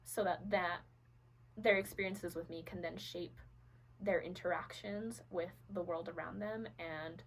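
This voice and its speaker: A woman's voice: fairly low pitch, steady tone, measured pace, slight background noise, poor audio. A young adult woman from Venezuela, a podcast guest, telling her personal story earnestly with many fillers and restarts.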